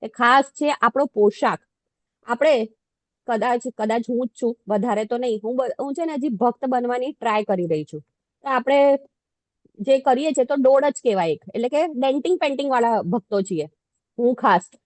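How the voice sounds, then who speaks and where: A woman with a high, bright-pitched voice leads a devotional class, chatty and self-deprecating. She keeps turning to her listeners with questions. The sound is close and dry, with no room echo. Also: lively intonation, normal speed. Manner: conversational, self-deprecating, asks the audience questions. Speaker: devotee giving a scripture class.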